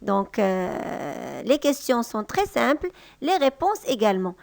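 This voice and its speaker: A woman with a high voice gives a language lesson at an unhurried pace. She says each model phrase twice, a touch louder. The sound is dry and close to the mic. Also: wildly swooping pitch, gravelly, no echo. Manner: patient, repeats example sentences slowly and louder. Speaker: French teacher. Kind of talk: slow, clear language lesson.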